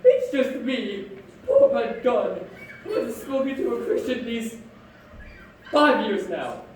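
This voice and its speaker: Man doing a jittery marooned castaway, slow and swoopy, echoey and far off. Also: extremely high pitch, wildly swooping pitch, exaggerated voice. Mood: eager. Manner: jittery, rambling, speaks of himself by name. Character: ragged, half-mad male castaway. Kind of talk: live stage play. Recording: echoey hall from far off, faint background noise.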